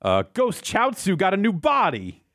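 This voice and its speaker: A man's voice: high voice, huge pitch swings, normal speed, a bit bright, no echo, studio quality. A man co-hosting a podcast, recapping a cartoon in a casual chat, rambling and swearing with lots of restarts. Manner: rambling, profane, many restarts. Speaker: podcast co-host.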